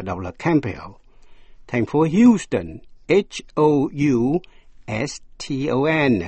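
A man, a native Vietnamese speaker, giving a scripted radio English lesson, slowly spelling words out letter by letter. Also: mid-range voice, darkish tone, husky, no echo.

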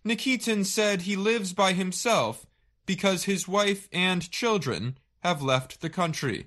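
A woman reading a scripted news story for language learners, deliberately, in short phrases with pauses. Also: medium pitch, expressive, fairly bright tone. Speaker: narrator of a simple English news story. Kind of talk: slow scripted learning-English narration.

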